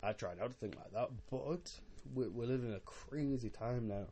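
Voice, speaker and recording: A young man, a little drunk, giving a casual, halting, rambling monologue with repeated words and some swearing, as a podcast host. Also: medium pitch, warm tone, slight background noise. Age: young adult.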